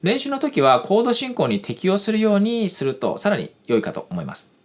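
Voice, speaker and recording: Man, guitar teacher, quick and lively delivery, polite explainer, guitar playing behind. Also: high-pitched. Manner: polite, explanatory, with casual fillers. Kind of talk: scripted lesson narration. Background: guitar music.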